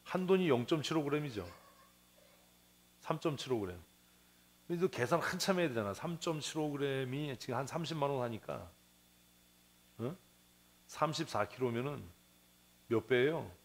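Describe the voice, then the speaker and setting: Preaching in a church sanctuary, a man recounts a parable in a conversational way, acting out the characters and asking the congregation questions. His mid-range voice is animated, at a moderate pace with frequent pauses.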